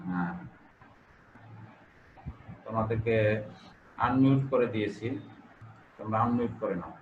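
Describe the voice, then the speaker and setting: A man's voice: lowish voice, measured pace, reverberant, phone-quality sound, slight background noise. A male teacher giving an online class, explaining step by step, repeating key phrases and putting questions to his students. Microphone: video call.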